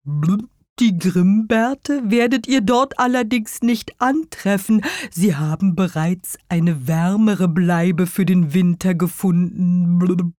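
A woman voicing a fat male carp in a children's audio story who blubs between his sentences, slow and low. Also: dark tone, no room sound, studio quality. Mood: gossipy. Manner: blubbing between phrases.

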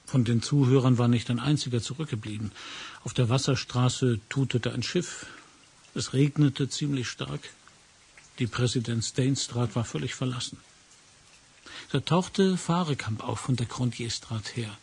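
A man reading a first-person crime story aloud, measured and dropping to a hush at tense moments. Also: medium pitch, gravelly, breathy edge. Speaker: audiobook narrator.

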